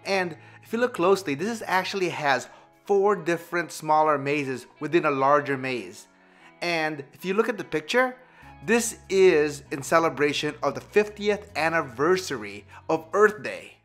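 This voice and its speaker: A man's voice: a little high, lively intonation, normal speed, a bit bright, faint music behind. Upbeat man hosting a family vlog. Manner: upbeat, chatty. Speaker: vlog host. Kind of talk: family travel vlog narration. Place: outdoors at a farm.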